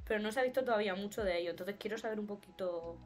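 A woman with an accent from Spain, co-hosting a podcast in casual chat, expressive and playful and laughing often. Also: medium pitch, very fast, loud music behind the voice. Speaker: podcast co-host.

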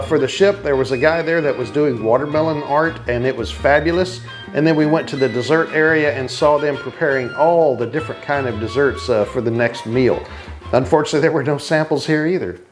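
A middle-aged man talks to his webcam from a small cabin, chatty and full of restarts. His voice sits a little high for a man. A faint bed of music runs under the talk. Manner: chatty, many fillers and restarts. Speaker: travel vlogger. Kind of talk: casual travel recap to camera. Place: small cruise cabin indoors.

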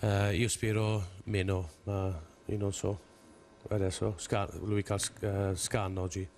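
A man in his forties, a native English speaker with English-accented Italian, speaking haltingly in a studio interview as a rugby coach and searching for words. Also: fairly low pitch, flat delivery, a little mellow, a little hiss or hum. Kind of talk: television interview. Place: television studio.

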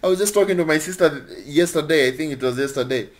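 A young man preaching a sermon in a lively, repetitive way, asking rhetorical questions and chuckling between points. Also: a little high, fast. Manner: animated, repeats phrases, laughs between points. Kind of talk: sermon teaching.

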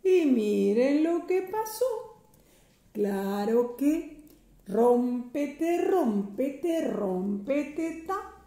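An older woman with a Rioplatense accent reading a children's picture book aloud, slow, sing-song and expressive. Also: sits high, reverberant. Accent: Rioplatense Spanish. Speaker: storyteller grandmother.

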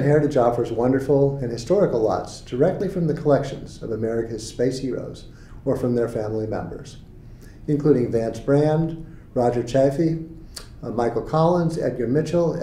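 A man narrating a scripted auction promotion in a measured, formal way. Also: medium pitch, mellow, echoey room. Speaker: auction announcer.

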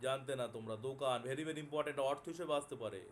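A man with a Bengali accent teaching a lesson as a tutor, explaining slowly, repeating each word and checking with his students. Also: mid-range voice, a little hiss or hum. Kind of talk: classroom lesson.

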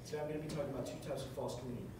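Speaking very fast in a steady, medium-pitched voice, a young man delivers a short, earnest sermon, leaning on repeated phrases for emphasis. He stands at a music stand on stage in a large carpeted hall, recorded from far across the room by a camera with echo and noise.

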